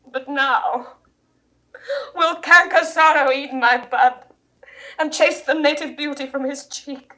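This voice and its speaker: An actress plays a despairing, grief-stricken widowed mother in a classical Shakespearean audio drama, her theatrical, declamatory delivery swinging between hush and wail. Her voice is medium-pitched, and the recording is rough.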